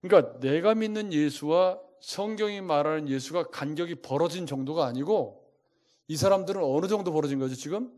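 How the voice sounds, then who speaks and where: Male pastor, slightly high voice, preaching a sermon that keeps asking the congregation questions, lively, shifts loudness for emphasis. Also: fairly quick. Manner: asks the congregation many rhetorical questions.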